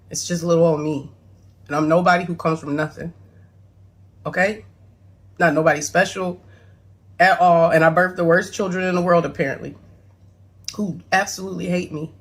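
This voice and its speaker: A woman's voice: on the low side, steady tone, normal speed, pauses often, slightly rough. A woman close to tears in a rambling, profane confessional video monologue, apologizing and defending herself as a mother. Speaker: mother addressing her son's claims.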